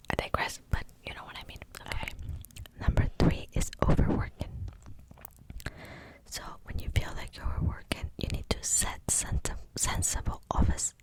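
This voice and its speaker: Whispering woman giving an intimate pep talk. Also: rough recording. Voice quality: breathy whisper. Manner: encouraging, intimate, conversational. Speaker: ASMR content creator.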